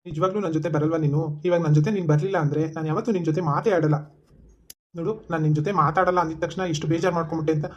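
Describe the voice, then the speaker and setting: A young man in an animated love story, voiced by a man, teasing and pressing his girlfriend. His voice is slightly high and even in tone, and he talks at a rushed pace. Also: muffled recording, close to an everyday voice. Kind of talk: animated comedy cartoon voice.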